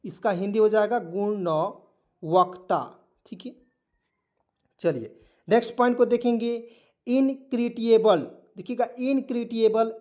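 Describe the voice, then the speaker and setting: A man's voice: high voice, a little mellow, dull audio. A man with a Hindi accent teaching spoken English, spelling words letter by letter and checking in with his students. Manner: repetitive, keeps asking "ठीक है" and quizzing. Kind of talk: online spoken-English lesson.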